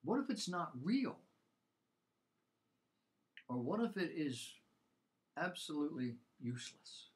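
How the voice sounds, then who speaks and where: A man presenting a scripted Bible program, mixing commentary with rhetorical questions and an emphatic delivery. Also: a little high.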